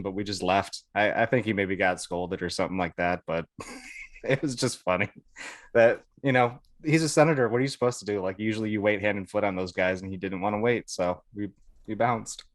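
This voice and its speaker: An American man, an Air Force veteran appearing as a podcast guest, tells anecdotes in a colloquial, amused way and chuckles through his stories. His voice is lowish, and the recording is clean studio sound with no echo.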